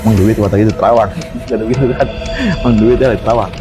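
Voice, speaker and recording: Man, casual ghost story telling, lively voice, music behind. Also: fairly low pitch, fast. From Jakarta. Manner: animated, acts out quotes, laughs often. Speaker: storyteller guest.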